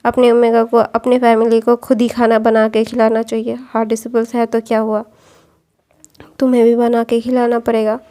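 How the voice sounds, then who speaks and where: A woman's voice: a little high, monotone, normal speed, mellow, close to an everyday voice. Woman reading a stern strict mother. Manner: scolding, commanding. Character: stern strict mother, middle-aged sect leader woman.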